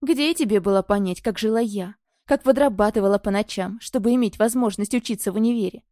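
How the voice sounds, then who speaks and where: Audiobook scene: a resentful young woman, pleading, then bitter and accusing, voiced by a female reader, dark and mellow, dry sound. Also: medium pitch, fast talker, no room sound, close to an everyday voice. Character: desperate, spiteful young woman, former friend.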